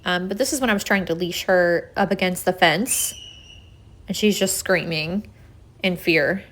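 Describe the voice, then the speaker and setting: A woman narrates her own rescue work in a casual, chatty way. Her voice sits a little lower than most women's. She sounds informal, like someone recounting events to a camera. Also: measured pace, fairly bright tone.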